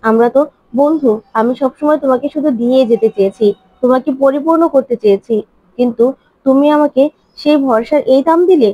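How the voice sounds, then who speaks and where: A woman's voice: high voice, no echo. Hurt, insistent man, as a woman reads him. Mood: reproachful. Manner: pleading, rapid, reproachful questions. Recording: dull lo-fi, dry.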